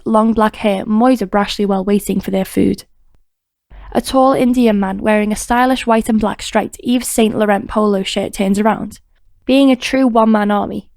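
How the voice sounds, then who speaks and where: A woman narrates an audiobook crime drama with a steady, flat delivery and a gravelly edge. It is close-miked in a dry, dead room. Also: mid-range voice, dry recording. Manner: even, steady reading. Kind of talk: scripted narration.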